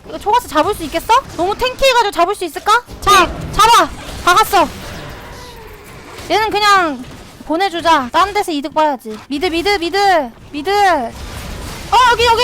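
A young woman with a very high voice gives live commentary while she plays a game. She chatters to herself and keeps breaking into excited shouts at the action. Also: a little hiss or hum. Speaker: game streamer.

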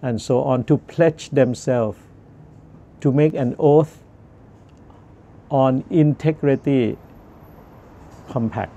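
A man in his sixties with a Thai accent gives earnest political commentary in deliberate short phrases with pauses, speaking into a lapel mic. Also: mid-range voice, warm tone, highs cut off. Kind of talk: measured monologue commentary to camera. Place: outdoors on a garden bench. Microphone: lapel microphone. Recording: outdoor ambient noise.

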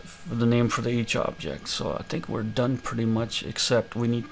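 A man hosting a screen-recorded coding tutorial, explaining each step in a relaxed way with many fillers. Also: medium pitch, normal speed, creaky, slight background noise. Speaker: tutorial host.

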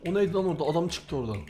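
A young man giving excitable commentary while playing a game, talking to himself and his viewers with sudden startled outbursts. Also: high voice, muffled recording. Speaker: gaming YouTuber. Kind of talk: let's play commentary.

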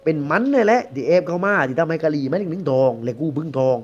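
Quick-talking man with a Southern Thai accent. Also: on the high side, big pitch swings. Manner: chatty, rambling, conversational. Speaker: guest storyteller. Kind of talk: casual spoken ghost story telling. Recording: dull lo-fi recording.

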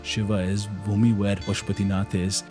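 A man in his twenties from Nepal, a guest on a podcast, answering calmly and reflectively into a studio mic. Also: on the low side, brisk, over music. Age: 20s. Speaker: spiritual guest. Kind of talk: interview answers. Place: studio set with shelves, indoors. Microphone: desk-mounted podcast mic.

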